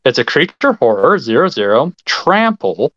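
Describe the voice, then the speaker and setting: A man hosting a casual chat, excitable and quick to laugh. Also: medium pitch, muffled recording, a little hiss or hum.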